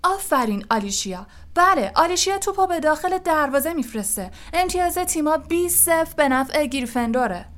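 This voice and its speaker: A woman voicing an excitable young male quidditch commentator in an audiobook, calling the match fast and loudly taking sides. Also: fairly high pitch, voice pushed up, natural voice. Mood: excited. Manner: rapid, shouting, openly partisan commentary. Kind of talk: audiobook character voice.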